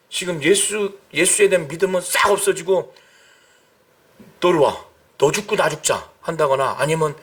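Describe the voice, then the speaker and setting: A man, a pastor, preaching an emphatic sermon and acting out the people he quotes. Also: high voice. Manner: emphatic, rising to shouts at climaxes; acts out quoted cries and speech.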